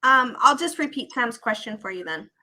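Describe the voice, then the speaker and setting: This woman's voice is fairly high, expressive, bright, and forceful, moving at a moderate pace. She hosts a live real-estate investing stream over a video call, chatting cheerfully and repeating herself. A candy is in her mouth and her throat is irritated, leaving it slightly scratchy.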